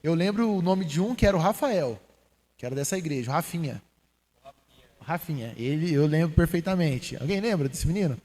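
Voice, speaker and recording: Man, high and mellow, giving a testimony in a church with long reverb. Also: fairly quick. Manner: lively storyteller, addresses listeners as brothers. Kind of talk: personal testimony in a church podcast. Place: church hall.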